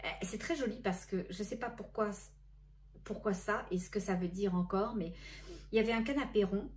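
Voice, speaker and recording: A middle-aged woman, a spiritual medium chatting through a channeling session and passing on messages in gentle tones. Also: mid-range voice, normal speed.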